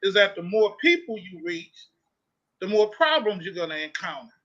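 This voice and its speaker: A man's voice: high-pitched, very animated, moderate pace, fairly bright tone. A male talk show host asking long, winding questions in an interview. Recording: dull lo-fi sound.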